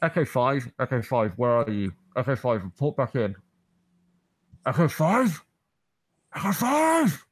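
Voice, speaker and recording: A man puts on a soldier on a crackling radio who urgently calls a missing unit, over and over, pitching higher each time. The voice sounds strained and unlike his usual tone, yet the room stays dry and close. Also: very animated, unhurried, pauses often, no echo. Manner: urgent repeated call signs, rising. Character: male military radio operator calling a missing squad. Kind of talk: game master voicing a character.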